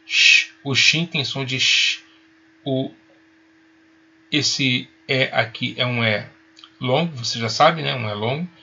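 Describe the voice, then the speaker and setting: A man teaching a Hebrew lesson, patient and reassuring, spelling out each sound slowly. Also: mid-range voice, sharp tone, husky, muffled recording. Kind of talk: recorded online lesson.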